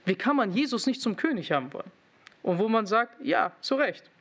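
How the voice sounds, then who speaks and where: A man's voice: high voice, very animated, fairly quick, fairly bright tone. A young man preaching a sermon, asking the congregation questions and teasing them with irony.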